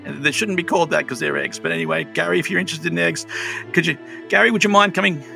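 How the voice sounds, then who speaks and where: In an improvised tabletop roleplay, a game master voices a townsperson, a flustered, rambling middle-aged town crier who keeps oversharing about his wife leaving him. His voice is a little high, creaky, and sharp in tone, and he talks fast. Soft music plays in the background.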